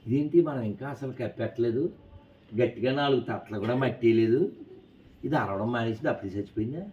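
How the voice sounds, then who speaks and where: Man playing a grumbling storybook farmer, voice dropped lower, muttering his plans, distant dull recording. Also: fairly quick, natural voice. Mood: puzzled. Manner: grumbling, reasoning aloud. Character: panicky farmer deciding to bury his donkey. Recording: distant, dull with faint noise.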